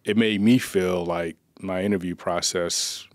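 A man's voice: deep voice, fairly even intonation, measured pace, no room sound. A man hosting an interview in a small studio, affirming and encouraging his guest. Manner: affirming, encouraging, frequent mm-hmms. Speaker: interviewer, district chief. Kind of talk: casual interview. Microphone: podcast mic on boom arm.

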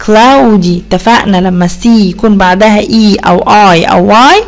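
A woman with an Egyptian Arabic accent explains an English lesson for primary pupils, patiently asking questions, praising answers and repeating English words slowly. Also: medium pitch, slight background noise. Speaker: English teacher.

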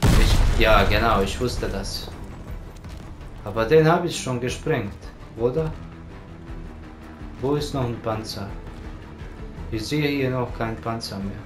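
Loud game music and gunfire fill the background while this man, a let's play gamer, offers casual commentary on his play. His medium-pitched voice takes its time with long pauses, and he swears a lot, egging the game on by repeating words.

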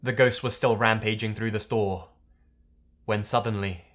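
A man's voice: fairly low pitch, fairly even intonation, moderate pace, a bit bright. A man reading a horror story aloud in the first person, tense and dramatic. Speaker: narrator. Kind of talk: scripted horror story narration.

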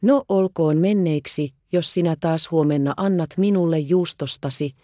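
A woman's voice: fairly low pitch, dark tone, no echo, dull audio, close to an everyday voice. A woman voicing a blunt, matter-of-fact young goatherd boy in an audiobook, answering curtly and offhandedly. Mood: grudging. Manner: curt, offhand, mumbling. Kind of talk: audiobook character reading.

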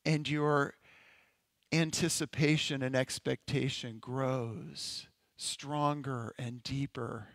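Slow, gentle pastor guiding a meditation. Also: male voice, mid-range voice, fairly even intonation, no echo. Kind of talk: sermon with guided imagery. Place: church sanctuary.

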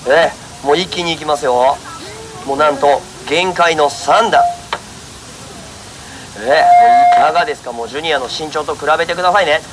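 A man with a high, bright voice works a live outdoor street show, bossing and teasing a trained monkey one moment and speaking courteously to the crowd the next. Festival ambience hums loudly around him. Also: normal speed, very noisy. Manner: jokingly scolds and coaxes a monkey, then politely addresses the audience.

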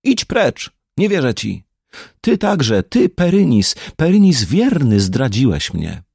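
A man reading the part of a proud, wounded young queen in an audiobook, raising his voice higher and slowing with pain. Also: very animated, darkish tone, no echo, studio quality, exaggerated voice. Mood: anguished. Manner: raised pitch, slow pained delivery.

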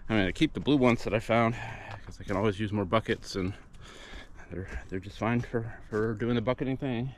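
A man's voice: fairly low pitch, brisk, a little hiss or hum. A middle-aged man vlogging outdoors in a forest, talking plainly to a camera held at arm's length, restarting his sentences now and then. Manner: plain, matter-of-fact, with repeated restarts. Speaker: volunteer cleanup vlogger. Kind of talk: casual vlog narration.

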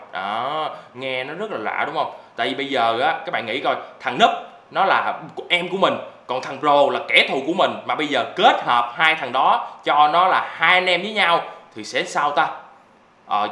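A man doing excitable gameplay commentary as a YouTuber, often breaking into loud exclamations. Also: medium pitch, echoey room. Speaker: gaming YouTuber.

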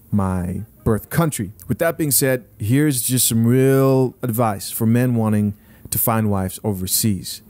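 A man's voice: medium pitch, dark tone. Blunt Zambian-born man hosting a podcast. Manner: blunt, emphatic, addresses viewers directly. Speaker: podcast host. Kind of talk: opinionated commentary. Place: small home studio room, indoors. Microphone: close studio mic, wearing headphones.

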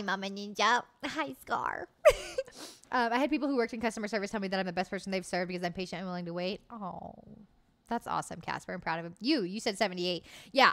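A woman in her late twenties, voice mid-range and a bit bright, chats cheerfully and loosely with her live-chat viewers while streaming from a room at home, cursing freely. Audio comes through a desk mic on an arm and a headset.

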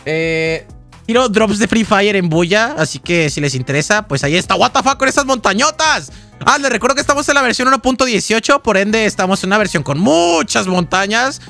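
A man's voice: high voice, sharp tone. A man, livestreaming a game and chatting casually in a rambling, jokey way as he reads out donations and chat. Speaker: gaming livestreamer. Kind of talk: casual live-stream chat while gaming.

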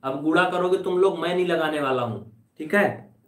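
A man teaching maths to a live online class in a roomy, echoing space, standing back from the mic. His voice sits fairly high for a man. He coaxes the children for answers and teases the latecomers and the quiet ones. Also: moderate pace, recorded from a distance. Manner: teasing, addresses students as children, coaxing answers.

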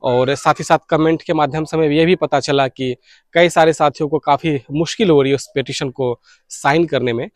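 A radio hobbyist blogger in his thirties talks casually and earnestly to viewers, explaining topics and dropping in English words. His voice is a little high, with fairly even intonation and a moderate pace. Recorded on a clip-on lapel mic on an outdoor balcony or rooftop by fields, the audio is clean and studio-like with no room sound.

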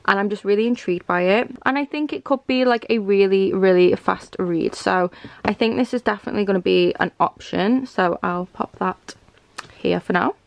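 Speaking at a moderate pace with vocal fry, a book vlogger in her 20s rambles indecisively as she thinks aloud in a casual chat. Her voice is medium in pitch, and she's recording in a small furnished room at home.

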